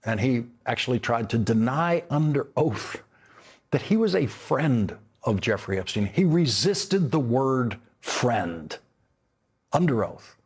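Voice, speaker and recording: An older man delivering scripted news commentary as an anchor, emphatic and indignant with deliberate phrasing. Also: mid-range voice, very animated, husky.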